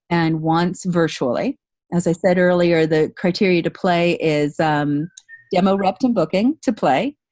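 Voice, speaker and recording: In an informal webinar overview and Q&A, a woman voice-over coach speaks with a fairly low, darkish voice. She keeps things encouraging and often repeats herself for emphasis, with no echo on the sound.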